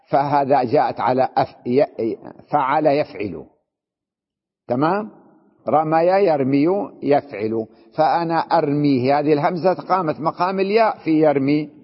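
A man with a fairly high voice lectures on Arabic grammar, asking questions and checking that his students follow. His voice rings with a long reverb, as in a large hall, and the recording is muffled and lo-fi. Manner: explains with questions and repeated checks. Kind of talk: classroom lecture.

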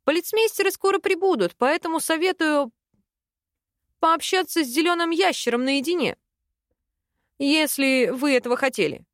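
A woman voicing an eager, cheerful young male student who is a witcher, speaking high and quick. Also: expressive, a bit bright, no echo, studio quality.

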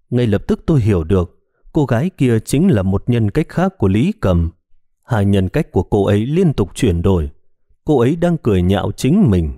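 A man narrating a horror detective story in a scripted, expressive storytelling manner on a close mic. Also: lowish voice, no echo. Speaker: audiobook narrator.

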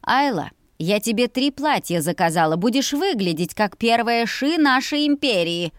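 A woman's voice: a little high, lively intonation, normal speed, no room sound, studio quality, pitched above the performer's own voice, natural voice. A woman voicing a stern mother who scolds and commands in a raised voice. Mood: scolding. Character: stern loud mother pushing her children to marry.

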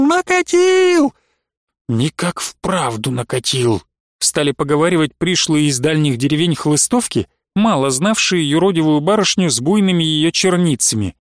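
Male audiobook narrator, high voice, dramatic measured reading, dry close recording. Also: dry recording. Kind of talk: expressive literary narration.

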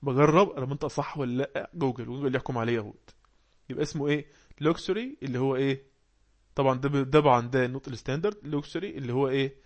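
A man with an Egyptian Arabic accent teaches an English class, talking quickly and firing questions at his students. He reads English passages slowly, then explains each word. His pitch sits in the middle range. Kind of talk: online class for learners.

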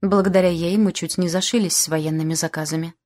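A woman's voice: lowish voice, steady tone, quick pace, a little mellow, natural voice. A woman voicing a reserved, grumbling older uncle who speaks with dry restraint, in an audiobook.

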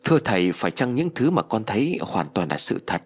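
A man's voice: on the low side, big pitch swings, fairly quick, husky, heavily acted. A man voicing a frightened young village girl. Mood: pleading. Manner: pleading, stammering. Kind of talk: storybook reading.

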